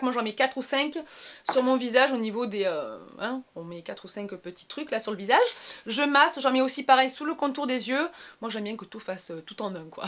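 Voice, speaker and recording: A woman's voice: mid-range voice, a bit bright. A young woman chatting casually through her skincare routine, with many hesitant fillers. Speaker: beauty vlogger.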